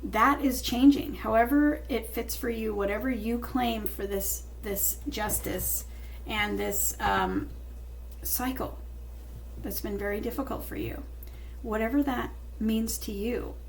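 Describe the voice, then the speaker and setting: A woman's voice: fairly high pitch, steady tone, unhurried, slight background noise, low-quality recording. A woman giving a tarot reading straight to the viewer, speaking in a reassuring, emphatic way with repeated phrases. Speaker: tarot reader.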